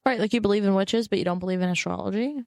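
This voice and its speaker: A woman's voice: medium pitch, racing, vocal fry, dry recording, studio quality. A woman in her twenties co-hosting a podcast, telling stories in casual chat and laughing often. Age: 20s. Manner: animated storyteller, laughs often. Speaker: podcast co-host.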